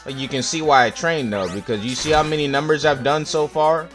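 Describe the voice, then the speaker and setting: This gamer's voice sits on the high side, fairly even in intonation and brisk. Over faint game music, he offers joking, playful commentary and teases himself as he plays.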